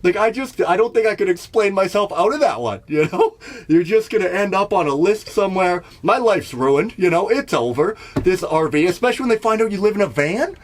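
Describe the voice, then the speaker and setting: His voice is high-pitched, very animated and brisk as this middle-aged man from Canada spins a rambling comedy podcast monologue. Staying in an RV in Jasper, he tells casual stories, mocks himself and laughs at his own material.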